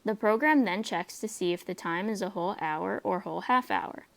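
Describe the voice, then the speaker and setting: A woman's voice: medium pitch, moderate pace, vocal fry. A young adult woman reading a step-by-step technical script as a student presenter.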